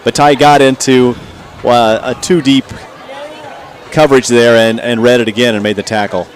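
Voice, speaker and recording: A man giving conversational, measured football analysis as a color commentator on a radio broadcast. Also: mid-range voice, steady tone. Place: stadium broadcast booth. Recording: crowd and faint outdoor noise behind.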